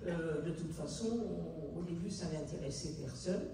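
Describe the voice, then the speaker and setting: An older Dutch woman, a native Dutch speaker, gives a public book talk as an author and guest in a large hall at a city hall book fair. Her fairly low voice is animated yet halting and earnest as she searches for words, with a crowd in the background. She's recorded from far off in the echoey hall, with faint noise.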